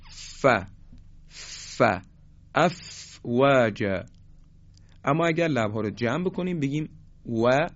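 A man teaching a recorded lesson on Quranic tajweed pronunciation. He speaks formally and politely and slows down to demonstrate letter sounds. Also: mid-range voice, dry recording. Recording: dry, dull lo-fi sound.

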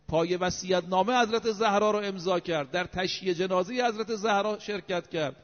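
A man preaches with emphasis in a notably high voice, reciting scripture and numbering each point. His voice trails off into a long hall reverb. The recording is dull and lo-fi. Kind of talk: sermon.

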